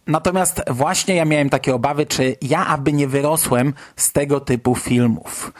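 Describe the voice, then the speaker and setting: A man in his late thirties from Poland, talking casually and conversationally as a solo podcast host. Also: on the high side. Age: late 30s. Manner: conversational, reminiscing.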